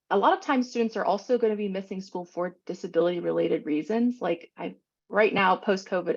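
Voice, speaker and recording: A woman presents a training session over a video call, talking fast and loosely, with plenty of "um"s. Her voice is gravelly and husky, and the call audio sounds muffled and dull. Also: medium pitch. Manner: quick, informal explaining with many fillers. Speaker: presenter on special education law.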